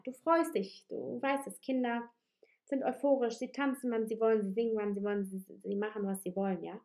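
A woman coach leads a guided inner-child meditation, talking straight to the listener in a soothing way. Her voice sits a little on the high side. Now and then she sinks into a whisper to make a point. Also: warm tone. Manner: soothing, addresses listener directly.

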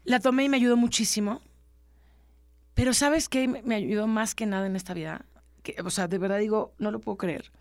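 A woman's voice: medium pitch, fairly quick, no echo, studio quality. A middle-aged woman, telling a personal story earnestly and acting out what others said. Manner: earnest, animated, acts out quoted dialogue. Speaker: podcast co-host, interviewee.

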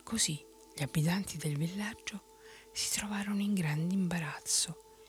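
A woman telling a bedtime story in a soft unvoiced whisper. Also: lowish voice, normal speed, soft background music.

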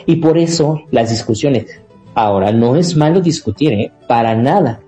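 A man's voice: mid-range voice, lively intonation, normal speed, dark tone, faint music behind. A man, a therapist hosting a live talk show about relationships, explaining in a conversational way with everyday examples and frequent fillers.

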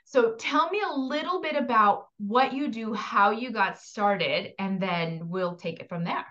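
A woman hosting a casual podcast as an empowerment coach, chatty and excited, slipping in Spanish words. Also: on the high side, measured pace, lo-fi sound.

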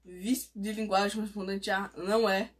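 A woman's voice: medium pitch, normal speed. A woman co-hosting a podcast, reading out slang definitions in casual chat and joking between them. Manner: reads definitions flatly, then jokes. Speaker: podcast co-host.

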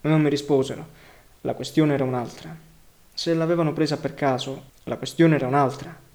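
Man reading a novel, fairly high voice. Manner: measured, even literary reading. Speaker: audiobook narrator.

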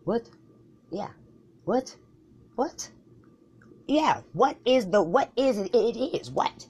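A woman's voice: a little high, lively intonation, slow pace, a little mellow, slight background noise. A woman performing a comedic argument skit, bickering in a heated, profane back-and-forth.

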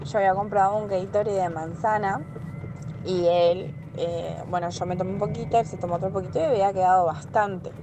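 A woman's voice: mid-range voice, steady tone, brisk. A young woman with an Argentine accent calling in, telling an embarrassing story in a chatty, giggly way. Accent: Argentine Spanish. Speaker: caller. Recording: noisy line with traffic behind.

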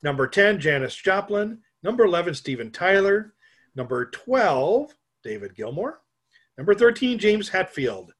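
A middle-aged man from Minnesota, talking in a fairly high voice. He rambles in easygoing podcast chat and pokes fun at himself. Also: sing-song, moderate pace, slightly rough. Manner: rambling, joking, self-mocking. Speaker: podcast co-host. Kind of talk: casual chat.

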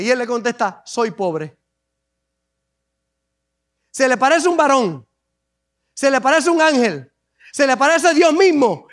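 A Puerto Rican man preaching a sermon as pastor, dramatically acting out scripture scenes with drawn-out emphasis. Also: very high-pitched, a bit bright. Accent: Puerto Rican Spanish. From Puerto Rico.

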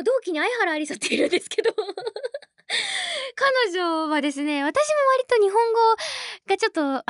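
Young woman podcast host, high voice that jumps around a lot, chatty, laughs often, dry close sound. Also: no echo. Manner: laughs often while telling stories; lively and chatty. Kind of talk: casual chat.

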